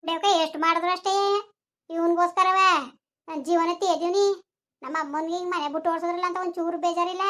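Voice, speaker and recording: A woman's voice: very high-pitched, level tone, fast. A woman playing a furious scolding village mother. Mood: angry scolding. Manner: scolding, shouting threats. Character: angry village mother, sharp-tongued. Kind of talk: village comedy skit acting.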